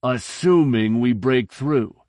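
A man's voice: mid-range voice, slow pace, a little mellow, dry recording, pitched above the performer's own voice, natural voice. A man voicing a resigned but defiant male fleet admiral who argues boldly with a raised voice. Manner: bold, pressing, raised in argument.

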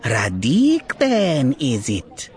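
A man's voice: mid-range voice, wildly swooping pitch, very slow, exaggerated voice. A man voicing a small, sly male rodent-like alien inmate who wheedles, giggles and ends his lines with coaxing tag questions. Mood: sly, wheedling. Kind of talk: audiobook character voice.

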